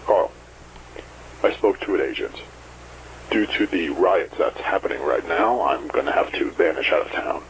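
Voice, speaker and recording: A man's voice: low-pitched, expressive, normal speed, slight background noise. An actor playing a ruthless, impatient man on the run in a dramatized phone call, curt and commanding. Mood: urgent.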